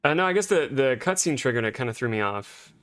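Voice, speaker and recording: A man's voice: mid-range voice, animated, fast talker, fairly bright tone. Male game streamer, mid-range voice, casual and jokey live commentary. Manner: playful, jokey riffing. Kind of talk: casual live gameplay chat.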